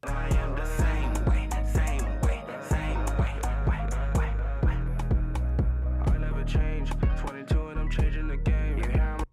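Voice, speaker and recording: A man's voice: a little high, little pitch movement, measured pace, long pauses, mellow. A man rapping on a mixed track, his last word repeating in a digital delay echo over a beat. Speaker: rapper on a track being mixed. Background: music beat.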